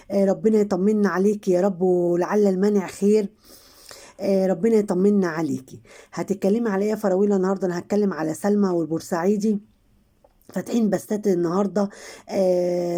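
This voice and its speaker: Egyptian woman vlogger, warm mellow voice, scolding and indignant commentary. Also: medium pitch. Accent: Egyptian Arabic. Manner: indignant, scolding, talking straight to the people she criticizes. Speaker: vlogger commenting on online drama. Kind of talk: casual commentary to viewers.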